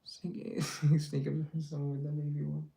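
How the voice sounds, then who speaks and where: Over a phone mic, a live-stream host reads viewer comments aloud and replies with chatty teasing and jokes during a casual social media live. His voice is on the high side, creaky and dark, with a completely flat delivery at a moderate pace.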